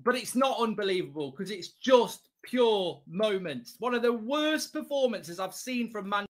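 A man's voice: high voice, lively intonation, unhurried. A middle-aged man hosting a live football watchalong, commenting as a blunt, exasperated, sweary fan. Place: indoor streaming studio.

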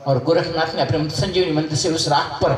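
A spiritual teacher tells a story in an animated discourse, slipping into the voices of his characters. His voice sits high for a man. It rings through a large echoey hall and is picked up from well away from the mic. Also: fairly quick, recorded from a distance.

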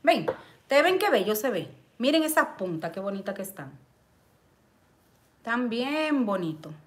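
A middle-aged woman chatting on a live stream, reading viewer comments with lots of excited exclamations and loud laughter. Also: a little high, moderate pace, a little hiss or hum. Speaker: vlogger hosting a live stream.

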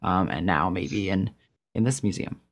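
A man's voice: low-pitched, normal speed, lo-fi sound. A man co-presenting a workshop, casually summarizing his colleague's points. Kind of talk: conversational clarification. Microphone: video call.

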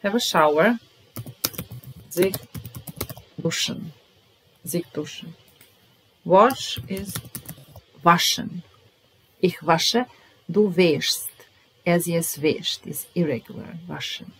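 Slow, deliberate woman teaching vocabulary. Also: fairly low pitch, slight background noise, poor audio. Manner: slow, deliberate, repeats each word. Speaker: language teacher. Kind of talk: vocabulary lesson.

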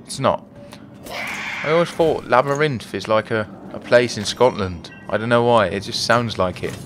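A man's voice: mid-range voice, normal speed, over music. A man hosting a let's play video, chatting, thinking aloud, and joking at his own expense as he plays. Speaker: gaming video host.

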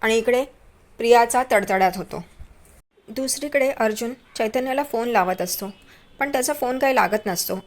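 A woman's voice: on the high side, moderate pace. A woman narrating a recap of a TV serial episode in a chatty storytelling way, adding mocking asides about the characters.

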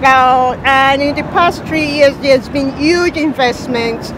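A woman's voice: high voice, slow pace. A middle-aged woman hosting a news wrap and interview outdoors in a city park, speaking with frequent hesitations and fillers. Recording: outdoor park with crowd and traffic noise.

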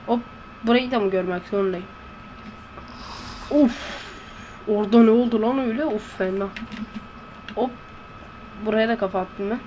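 Woman let's-player, high-ish voice, kept hushed and close-miked, excitable blurted reactions. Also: normal speed, long pauses, a little hiss or hum. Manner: talking in a hushed voice. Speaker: gameplay commentator. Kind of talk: let's-play commentary. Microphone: close to a desk microphone.

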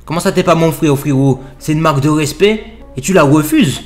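A man's voice: fairly high pitch, brisk, close to an everyday voice. A young man voicing a cocky, touchy young Guadeloupean man with a thick Guadeloupean accent, speaking in an exaggerated, indignant way. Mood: offended. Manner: exaggerated, indignant, keeps repeating "frérot". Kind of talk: prank role-play on video chat.

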